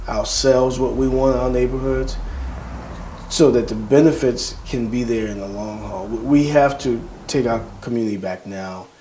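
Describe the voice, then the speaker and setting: A man's voice: mid-range voice, dark tone, a little hiss or hum, rough recording. A man who leads a community development group, speaking earnestly and emphatically in an interview, with some fillers.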